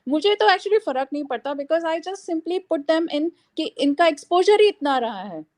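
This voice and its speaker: Guest, female, high voice, half Indian half American accent, unhurried and explanatory. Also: lively intonation, a little mellow. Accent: mixed Indian and American English. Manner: thoughtful, explanatory. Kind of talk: casual discussion, Hindi-English mix.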